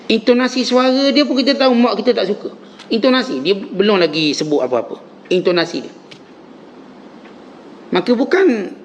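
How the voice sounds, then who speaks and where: Malaysian ustaz man preaching at dawn, kinda high voice, punches up the big lines, dull muffled recording w faint hiss. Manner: animated preaching, rising emphatic pitch on key phrases. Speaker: religious teacher. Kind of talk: dawn mosque lecture. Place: mosque lecture hall.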